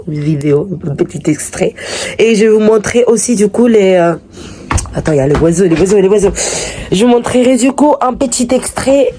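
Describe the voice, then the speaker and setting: A woman's voice: medium pitch, dark tone. A woman chatting casually to camera as a vlogger, hesitant and often repeating her words and phrases.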